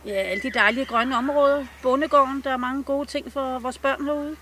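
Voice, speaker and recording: A woman's voice: high-pitched, fairly even intonation, bright, forceful tone, slight background noise. A middle-aged woman, a resident, speaking earnestly by a playground in a vox pop interview. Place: outdoors by a playground.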